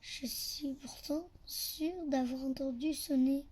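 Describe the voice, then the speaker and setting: A man's voice: very high voice, steady tone. A man whispering kindly old Monsieur Robinson. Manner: soft, slow whisper. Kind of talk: whispered role-play.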